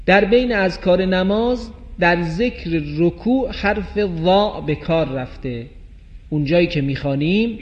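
A man with a somewhat high voice leads a tajweed pronunciation lesson. He explains the letters clearly and draws out the sample words in slow chant. The sound is muffled and lo-fi, with a long hall reverb. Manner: slow drawn-out chanted recitation of example words; clear explanatory teaching tone, addressing viewers. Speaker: Quran recitation teacher. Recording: dull lo-fi recording with long reverb.

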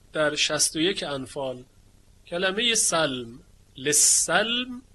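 A man lectures on variant readings of the Quran. He stops to chant single words slowly in a recitation tone. His voice is bright and forceful, set a little high.

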